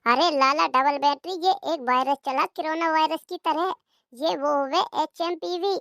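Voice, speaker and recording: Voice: high-pitched, fairly even intonation, normal speed, pushed and bright, no echo, clean studio sound. A performer voicing a village doctor who explains things plainly.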